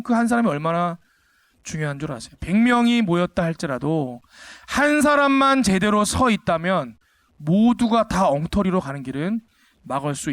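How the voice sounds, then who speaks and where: A man's voice: high-pitched, a bit bright, no echo. A man preaching a sermon at a church service, emphatic and full of rhetorical questions put to the congregation, surging sharply upward to drive points home. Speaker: pastor.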